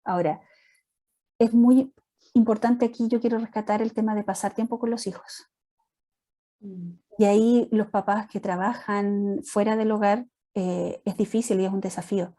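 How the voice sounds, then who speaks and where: A middle-aged woman pastor with a Chilean accent gives a conversational church teaching talk to parents, telling lively stories and acting out family dialogues. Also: mid-range voice, moderate pace. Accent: Chilean Spanish. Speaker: pastor leading a parents' workshop.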